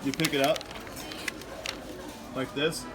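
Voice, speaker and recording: In a casual vlog shot on a handheld camera, this man jokes and laughs a lot while he talks, both outside and inside a crowded burger joint where the crowd noise is loud. His voice is on the high side, slow-paced, with little movement in pitch.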